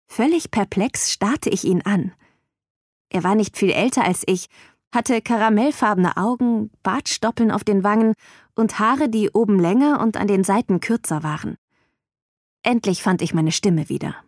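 A woman reading a novel aloud in the first person, with lively and expressive storytelling. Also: medium pitch, moderate pace, no echo, studio quality. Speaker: audiobook narrator.

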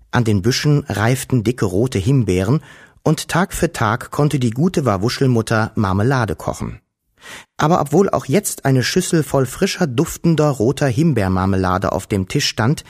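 A man reading a children's storybook aloud, gentle and expressive. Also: medium pitch. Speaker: narrator.

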